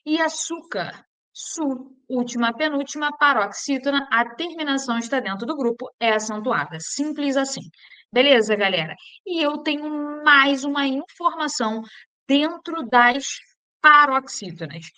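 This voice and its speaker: Brazilian teacher drilling grammar rules. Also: female voice, high voice, animated, sharp tone. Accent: Brazilian Portuguese. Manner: drills with questions, slowing to spell out rules. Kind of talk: exam-prep grammar lesson.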